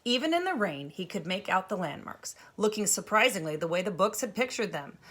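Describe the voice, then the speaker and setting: Bright-voiced woman reading a story aloud. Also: mid-range voice, very animated, a little fast. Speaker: reader.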